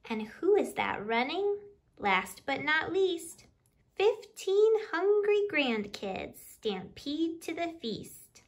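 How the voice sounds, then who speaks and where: Her voice high-pitched and sing-song, a woman in her thirties reads a children's picture book slowly and expressively to young listeners. She's hosting library storytime from a small living room by a window, a few feet from the camera.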